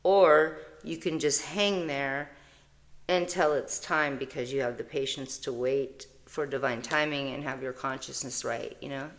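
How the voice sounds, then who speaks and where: Low-voiced rambling woman tarot reader. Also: steady tone. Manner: rambling, emotional, self-interrupting; reads card text aloud slowly. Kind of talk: casual spiritual vlog chat.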